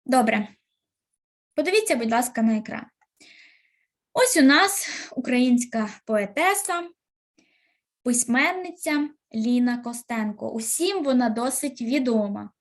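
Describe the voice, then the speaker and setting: Woman teacher giving a slow, clear lesson. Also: fairly high pitch, animated. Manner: slow, clear instructing with pauses. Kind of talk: recorded literature lesson for pupils.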